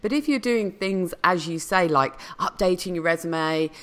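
A woman hosts a podcast conversation with a notably low voice. She sums up her guest's points in a reflective way. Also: moderate pace, a bit bright. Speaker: podcast host.

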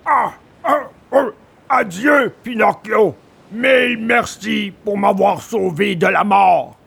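A man voicing a panicked male dog who stammers and pleads for help in a gravelly, strained voice. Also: high voice, takes it slowly, fairly bright tone, pitched above the performer's own voice, heavily acted. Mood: grateful.

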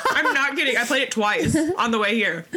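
Woman co-host, lively sing-song delivery, bright tone, giggles through her lines. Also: a little high, fairly quick, a little hiss or hum. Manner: giggly, animated, laughs often. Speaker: podcast co-host. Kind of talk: casual chat.

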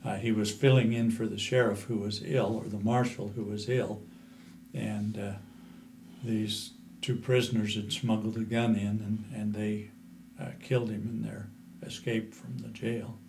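A man in his seventies with a Western American accent, reminiscing in an interview in a halting, unhurried way. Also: fairly low pitch, level tone, vocal fry, darkish tone, slight background noise, low-quality recording. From Utah, USA. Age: 70s. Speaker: interview guest, cowboy poet.

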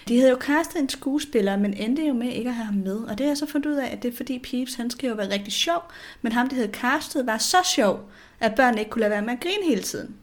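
Relaxed woman podcast co-host. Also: fairly high pitch, few pauses. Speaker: podcast co-host reading listener mail. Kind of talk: casual podcast chat.

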